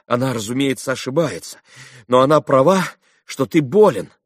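A man reading an audiobook, voicing a gentle, earnest young man who speaks quietly and sincerely. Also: medium pitch, expressive, normal speed, no echo, clean studio sound, pitched above the performer's own voice, close to an everyday voice. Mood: concerned. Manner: quiet, soft-spoken.

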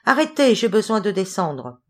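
A woman voicing a tiny, bold and playful boy in a storybook, calling out in a high, bright voice. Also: lively intonation, moderate pace, close to an everyday voice. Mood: cheeky.

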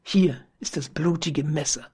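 A betrayed young man pours out his grievance, bitter and vengeful, with rising passion, as a reader puts him on. The voice is husky and the delivery unhurried, in an audiobook of old literary prose. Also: medium pitch, mellow. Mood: bitter, impassioned.

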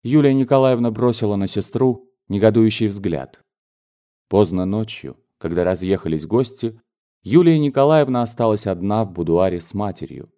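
Man reading a classic novel, warm and lively. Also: fairly low pitch. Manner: expressive, measured storytelling. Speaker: audiobook narrator. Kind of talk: scripted narration.

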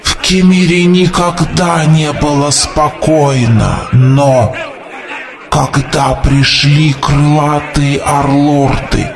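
A man as a creaky, dusty-voiced old prophet. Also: fairly high pitch, fairly even intonation, slow, recorded from a distance. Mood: prophetic. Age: older. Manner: solemn preaching to a crowd, rising to shouts. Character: ancient grey-haired male prophet, fervent and doom-laden. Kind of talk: audiobook character voice. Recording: voice over music.

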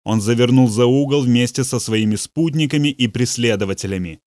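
Steady male audiobook narrator. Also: mid-range voice, no room sound, studio quality. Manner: measured, steady storytelling. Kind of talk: audiobook reading.

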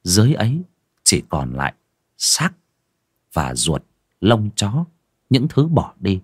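Male horror narrator, husky and dry-sounding, wide expressive pitch. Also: slow pace, no echo. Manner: dramatic, suspenseful storytelling. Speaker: audiobook narrator.

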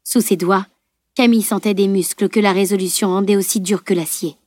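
A woman narrating a fantasy novel aloud in steady, measured storytelling. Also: medium pitch, dry recording. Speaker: audiobook narrator. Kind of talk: scripted audiobook narration.

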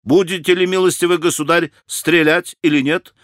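A male audiobook reader voicing a proud, indignant gentleman duelist, his questions sharp and raised. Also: fairly high pitch, fairly even intonation, moderate pace, dry recording, clean studio sound, pitched above the performer's own voice, close to an everyday voice. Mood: ironic. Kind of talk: audiobook character reading.

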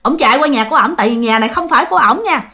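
Woman, Southern Vietnamese accent, lively ghost-story telling, fairly high voice, chatty. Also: racing. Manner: chatty, addresses listeners often, acts out quoted lines. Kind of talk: casual storytelling to viewers.

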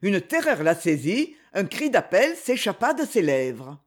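Animated expressive novel narrator. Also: medium pitch, a little slow. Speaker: audiobook narrator.

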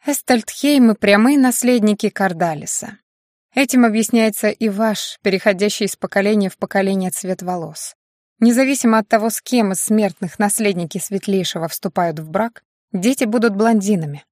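Woman reading a sharp-tongued young female student. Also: mid-range voice, moderate pace, dry recording, studio quality, lightly acted. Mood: snippy confident.

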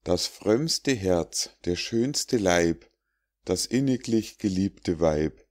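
A man narrating an audiobook of rhymed fables in a deep, low voice. He reads slowly and deliberately, giving the verses a measured, declamatory cadence. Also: a little mellow.

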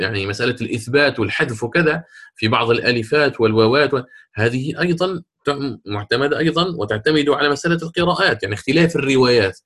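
A man lectures in a classroom, his voice at an ordinary middle pitch. He talks through the lesson step by step, often breaking off to restart and asking questions he then answers himself. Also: a bit bright. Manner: explanatory, with frequent restarts and rhetorical questions. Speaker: Quran recitation teacher.

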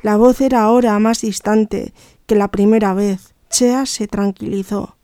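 A woman reading a story aloud slowly and carefully, now and then correcting herself. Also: medium pitch, steady tone, dark tone, no echo, clean studio sound. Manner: slow, careful reading with occasional self-corrections. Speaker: story reader.

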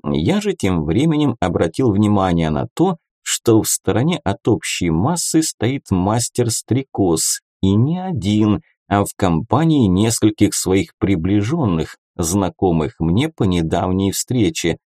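A man reads a fantasy novel aloud in the first person with an ironic, chatty delivery. His voice is mellow and dark, and his pitch moves a lot. It is recorded close and dry. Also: big pitch swings, measured pace, hardly any pauses, dry recording. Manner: ironic, conversational storytelling. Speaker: audiobook narrator. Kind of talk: first-person audiobook narration.

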